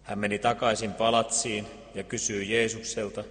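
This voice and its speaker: A man reading Scripture aloud and preaching, solemn and measured, with deliberate pauses. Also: fairly low pitch, little pitch movement, fairly bright tone. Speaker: pastor. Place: church. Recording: long church reverb.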